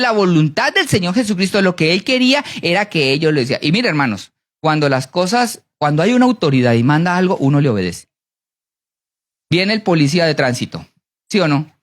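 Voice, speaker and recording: A preacher giving a sermon, animated, often asking the congregation to answer yes or no. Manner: animated, with big swings in pitch and pace.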